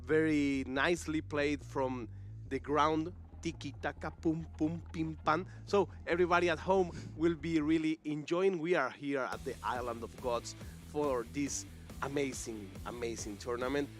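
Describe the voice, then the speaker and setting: A man commentating live at an esports event. He talks with a lot of enthusiasm and repeats himself, and his phrasing sounds slightly non-native. Soft music plays in the background. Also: on the high side, normal speed. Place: esports tournament venue.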